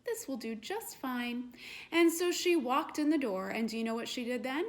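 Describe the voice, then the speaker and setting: A woman children's librarian reading a storytime tale aloud, gently asking the children questions. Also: a little high.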